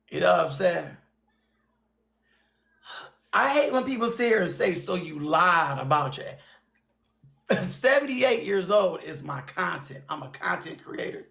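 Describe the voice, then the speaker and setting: A man in his forties hosts a heated livestream chat, his high voice bright and forceful with vocal fry, in an echoey room. He talks bluntly and repeats phrases and names for emphasis.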